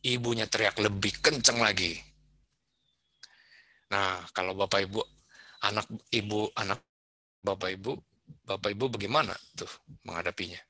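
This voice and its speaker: A man speaking to a room of parents in a bright, forceful voice with a slightly low pitch. His talk is casual and conversational, and he often turns to the audience with questions. The sound is close and dry, with little room echo. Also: slightly rough. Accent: Indonesian. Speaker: speaker at a school parenting seminar. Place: school event room.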